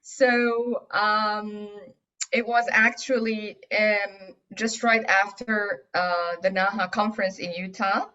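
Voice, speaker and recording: An Egyptian woman whose first language is Arabic, a guest aromatherapy teacher, answers interview questions casually and hesitantly, with many fillers and restarts. Her mid-range voice sounds pushed and bright, with fairly even intonation and a slow pace, captured in dull lo-fi audio.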